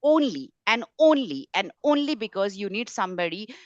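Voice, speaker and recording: A woman hosting an online French webinar as a tutor speaks informally and emphatically, repeating words and phrases for stress. Her mid-range voice swings widely in pitch at a normal speed. There's no echo, but the webinar audio is slightly dull and lo-fi.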